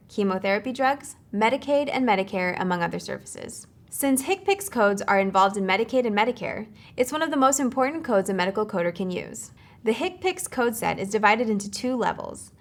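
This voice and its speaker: A woman reading scripted educational narration for a course, measured and clear, slowing down to spell out acronyms. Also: medium pitch.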